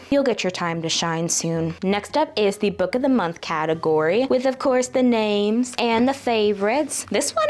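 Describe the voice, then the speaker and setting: A woman with a fairly low voice hosts a casual book vlog. She talks chattily and directly to her viewers, and she also speaks aloud to her crystal pendulum as she asks it questions. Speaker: book vlogger.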